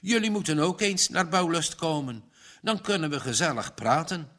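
A woman's voice: sits low, expressive, moderate pace, pitched above the performer's own voice. A man voicing a friendly, chatty middle-aged farmer's wife. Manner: chatty and warm.

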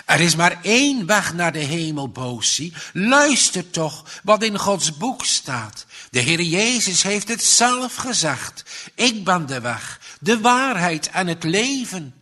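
A man's voice: high-pitched, lively intonation, slow, sharp tone, pitched above the performer's own voice, exaggerated voice. A man doing a frail pleading little boy. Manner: earnest, urgent pleading.

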